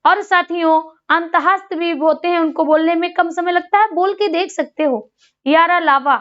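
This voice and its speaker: A woman with a very high, bright voice teaches grammar in an online exam-prep class. She poses each question, answers it and says the answer again, and she drills syllables one by one. The audio is slightly dull and lo-fi. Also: steady tone, normal speed.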